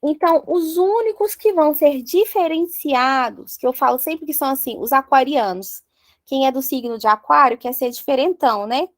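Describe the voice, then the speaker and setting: Playful high-voiced Brazilian woman teaching. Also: no room sound. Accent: Brazilian Portuguese. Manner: playful, jokey, drills conjugations slowly one by one. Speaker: English teacher. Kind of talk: online English grammar lesson.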